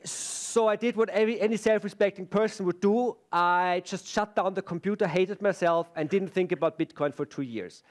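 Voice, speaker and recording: On a conference stage, a middle-aged Austrian man whose native language is German delivers a chatty talk, poking fun at himself. He keeps starting over and using fillers. His voice sits high, at normal speed, with hardly any pauses.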